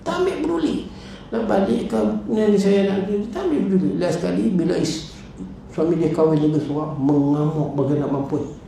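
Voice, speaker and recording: A middle-aged man with a Malaysian Malay accent, preaching in a lively mosque talk that jumps up and down in pitch as he acts out his stories. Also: moderate pace, gravelly. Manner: animated storytelling, acts out his wife and callers. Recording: echoey hall with faint noise.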